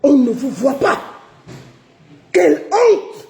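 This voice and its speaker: A woman from Cameroon, ranting indignantly to the camera, shouting with bitter laughter. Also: high-pitched, sing-song, takes it slowly, creaky. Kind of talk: angry rant to camera. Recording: roomy echoey room.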